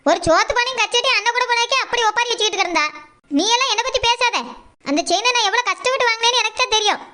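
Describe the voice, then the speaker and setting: A woman's voice: very high-pitched, racing. A woman with a southern Tamil Nadu dialect voicing a defiant, quarrelsome village woman in a cartoon, talking back sharply. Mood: aggrieved. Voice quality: sharp retorting. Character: defiant quarrelsome village woman who lost her chain.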